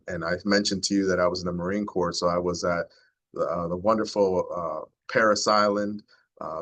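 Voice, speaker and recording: Earnest deep-voiced sheriff in his forties. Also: a bit bright, highs cut off. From United States. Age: 40s. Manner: earnest, heartfelt, reflective. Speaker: county sheriff. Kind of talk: community talk to a neighborhood group.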